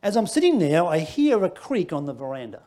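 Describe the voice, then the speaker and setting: A middle-aged Australian man preaching, telling a personal story with lively, laughing delivery. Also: fairly high pitch, fairly quick. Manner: animated storytelling, laughing through lines. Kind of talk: sermon testimony.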